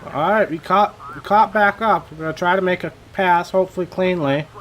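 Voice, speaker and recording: A man's voice: high voice, fairly quick, a bit bright, a little hiss or hum. Young man with a slightly worn voice. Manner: rambling, self-deprecating, with many fillers. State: slightly losing his voice. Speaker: gaming channel host. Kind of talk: casual gameplay commentary.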